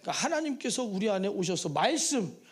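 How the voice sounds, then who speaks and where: A male pastor giving a Wednesday evening sermon in a church, emphatic, with rhetorical questions and sudden shouts. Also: high-pitched, sing-song, fairly quick, slightly rough. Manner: acts out prayers in a pleading sing-song. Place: church sanctuary.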